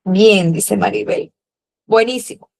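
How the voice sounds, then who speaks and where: A woman teaching a history class, patiently calling on students and filling pauses with "eh" and "a ver". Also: mid-range voice, creaky, darkish tone. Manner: patient, fills pauses with "eh" and "a ver", uses diminutives. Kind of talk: classroom lesson, questioning students.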